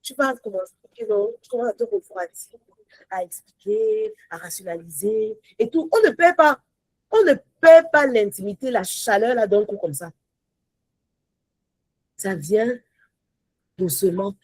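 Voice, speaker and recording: A woman teaching a Bible study in a lively, animated way, mixing in English phrases, sometimes near-shouting with joy, then dropping low and soft. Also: normal speed, dry recording, low-quality recording. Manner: rises to joyful near-shouts, drops to soft low asides.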